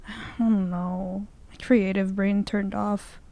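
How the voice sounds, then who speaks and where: Unhurried young woman with a gravelly edge. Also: medium pitch, little pitch movement, mellow. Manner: giggly, easily flustered. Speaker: co-host. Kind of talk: casual chat.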